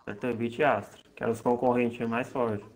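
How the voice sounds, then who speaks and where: Man in casual chat, medium pitch. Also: flat delivery, normal speed, poor audio.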